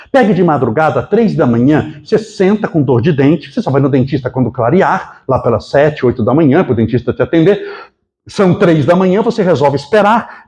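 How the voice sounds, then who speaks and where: Brazilian guy giving a spiritist talk, high voice, storytelling, asks the crowd stuff. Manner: storytelling, animated, acts out quotes, asks the audience. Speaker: spiritist lecturer. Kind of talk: sermon.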